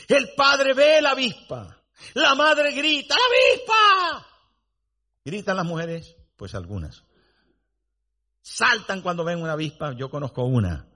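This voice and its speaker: Emphatic high-voiced man preaching. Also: sharp tone. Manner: dramatic storytelling, rising to emphatic declarations. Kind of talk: sermon.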